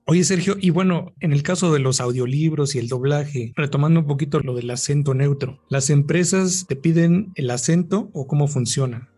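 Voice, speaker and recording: Male host, slightly high, husky voice, brief encouraging questions. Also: normal speed, hardly any pauses, mellow. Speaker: interviewer. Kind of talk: casual interview.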